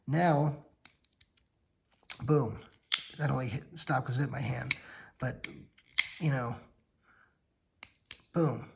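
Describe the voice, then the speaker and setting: Tired gravelly-voiced man demoing knives. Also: mid-range voice, rough recording. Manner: rambling, self-correcting explanations. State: tired, yawning late at night. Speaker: knife channel host. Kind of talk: casual hands-on demo vlog.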